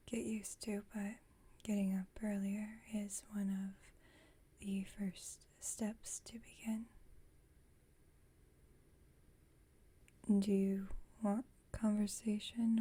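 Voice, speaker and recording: A woman whispers softly and breathily as a centuries-old vampire roommate in an ASMR roleplay, calm and dryly witty. Her mid-range voice uses gentle, slightly formal phrasing, and the mood is gentle and teasing.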